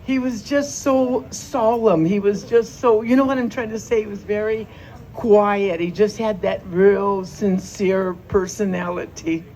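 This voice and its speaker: At a memorial gathering, a woman speaks as the aunt of the person who died, her mid-range voice darkish in tone. She is heartfelt and emotional, at times close to tears, yet laughs now and then. The recording is rough, with a little hiss or hum.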